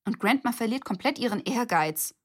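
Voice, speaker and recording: A woman voicing an excited, upset young girl in a storybook reading. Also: medium pitch, vocal fry, breathy edge, full character voice. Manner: upset, rushing.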